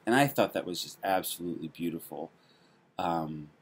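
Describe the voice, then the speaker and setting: Brief: low-voiced man, casual devotional host, rambling reflective musings. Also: expressive, moderate pace, breathy edge. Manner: meandering, musing, thinking aloud. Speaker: devotional podcaster and father.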